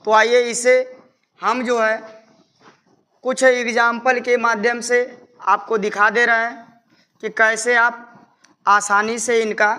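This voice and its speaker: An English grammar teacher, a man with an Indian accent, gives an instructional lesson in Hindi sprinkled with English terms. His voice is extremely high, bright and forceful. He explains step by step and repeats his instructions didactically.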